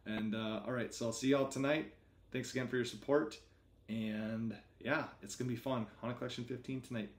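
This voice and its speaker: A man's voice: medium pitch, fairly even intonation, a little fast, roomy sound. A middle-aged man casually showing off and chatting about his new merchandise designs, enthusiastic and full of self-corrections. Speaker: artist presenting his merchandise. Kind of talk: casual product preview vlog.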